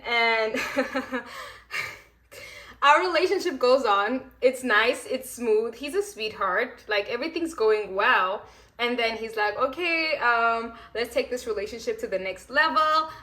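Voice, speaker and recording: A woman in her twenties, from Rwanda and raised in South Africa, telling a story in a chatty, animated way and acting out the people in it. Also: a little high. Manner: chatty, animated, acts out quoted voices. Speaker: vlogger. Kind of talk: casual storytime while getting ready.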